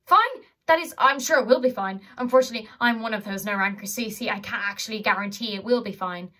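A woman's voice: mid-range voice, quick pace, fairly bright tone, recorded from a distance, lightly acted. A woman voicing a nervous, self-important young male elf officer who talks in a flustered way.

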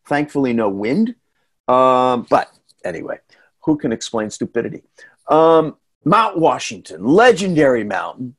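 A middle-aged man with a New England accent tells travel stories in a relaxed slide talk. His voice sits a little high and swings widely in pitch as he jokes at his own expense. He talks through a webcam on a video call, with plenty of ums and uhs. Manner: animated, chatty, self-deprecating humor with many fillers. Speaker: tour guide and storyteller giving a slide talk. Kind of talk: casual storytelling presentation.

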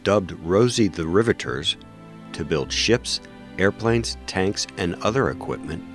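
Male narrator, very deep voice, formal and measured, music behind. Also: expressive. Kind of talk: scripted narration.

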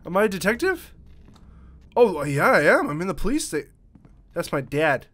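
High-voiced Canadian man doing jokey game commentary. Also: sing-song, moderate pace, a bit bright. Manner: jokey, reactive, swearing. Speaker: gaming YouTuber. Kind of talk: let's play commentary. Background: game music.

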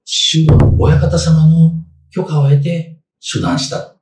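A man in his sixties, appearing as a guest historian, gives conversational explanations in interview answers while seated at a table in a small indoor room. His voice is a little high and a little mellow, with a flat delivery, and he halts frequently as he reasons aloud. The sound is roomy, from a distant mic, with faint noise.

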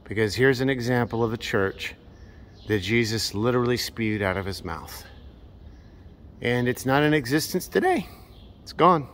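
A man's voice: mid-range voice, lively intonation, normal speed, pauses often, fairly bright tone, slight background noise. A man in his thirties filming himself on a phone at outdoor ruins, preaching earnestly with many filler words. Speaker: preacher vlogger. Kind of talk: outdoor walking vlog with preaching. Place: outdoor ancient ruins, open hillside. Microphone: phone held at arm's length.

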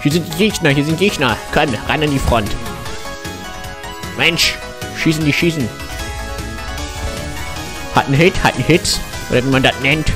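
A man playing an old war veteran grandpa who chats fondly and excitedly while gaming, with old-fashioned endearments. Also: fairly high pitch, normal speed, pauses often, music in the background, lightly acted. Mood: excited, urging. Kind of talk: in-character prank chat while gaming.

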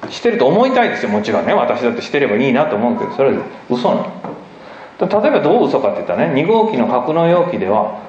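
Animated man lecturing in an echoey hall. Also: medium pitch, racing, slight background noise. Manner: animated, emphatic, often tags phrases with "ne". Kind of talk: public lecture with slides. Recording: echoey hall, dull lo-fi recording.

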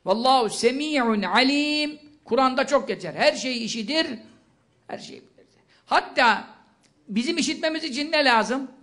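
A man giving a religious lecture, asking questions and answering them himself, with quick recited Arabic verses. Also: extremely high pitch, animated, a bit bright. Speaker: preacher.

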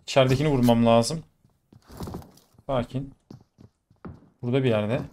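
A young man commentating his own gameplay live, excitable and quick to exclaim and swear in the middle of fights. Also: mid-range voice. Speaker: gaming YouTuber. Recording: faint game noise behind. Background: gunfire from the game.

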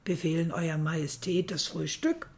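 A woman's voice: low voice, sing-song, normal speed, darkish tone, pitched below the performer's own voice. A woman reading the lines of a deferential male valet addressing his emperor formally. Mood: dutiful. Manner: formal and dutiful.

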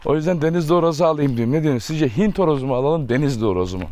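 A man's voice: on the high side, expressive, rapid-fire, dark tone. A man chatting casually to viewers while working on his farm, filmed on a camera mic outdoors, with a doting tone when he talks to his dogs. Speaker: farm vlogger. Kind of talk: casual vlog talk to viewers. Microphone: camera mic, filming alone without a tripod.

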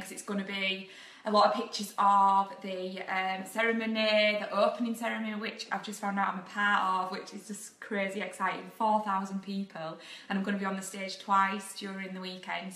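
A woman's voice: mid-range voice, fairly bright tone. A young woman, rambling and laughing through a casual live video chat. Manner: chatty, rambling, laughs often. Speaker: vlogger. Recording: echoey room, faint noise.

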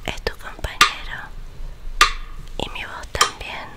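Young woman, Rioplatense accent, for whispered ASMR guided relaxation; very slow, soothing instructions, close on the mic. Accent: Rioplatense Spanish. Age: young adult. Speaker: ASMR host guiding a relaxation visualization. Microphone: close large studio microphone.

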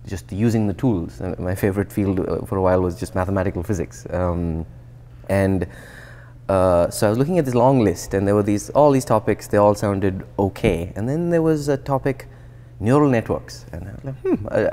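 In an indoor atrium of glass and greenery, an Indian man in his thirties, a visiting researcher, is interviewed through a lapel mic. His pitch is fairly low and his pace normal. He explains his path in a relaxed, thoughtful way, frequently restarting and adding fillers.

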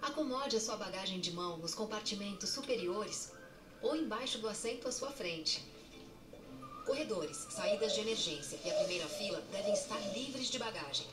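A woman with a Brazilian Portuguese accent reads an in-flight safety announcement over the aircraft cabin PA in a formal, measured way. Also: medium pitch, expressive. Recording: echoey PA, distant, music behind.

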